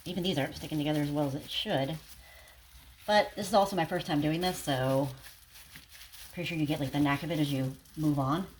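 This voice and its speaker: A woman's voice: sits low, brisk, pauses often, poor audio. A woman food vlogger talking casually through what she is cooking. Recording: faint kitchen noise, frying sizzle.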